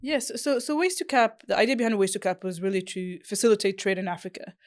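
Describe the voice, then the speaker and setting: A woman's voice: mid-range voice, fast. A woman from Morocco, a business founder and interview guest, who answers fluently and thoughtfully with frequent fillers.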